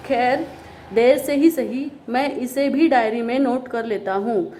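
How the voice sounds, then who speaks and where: Woman teacher, high voice, explains and repeats, faint background noise. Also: a little slow, dark tone. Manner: explanatory, repeats lines and glosses words. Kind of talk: explaining a story in an online class.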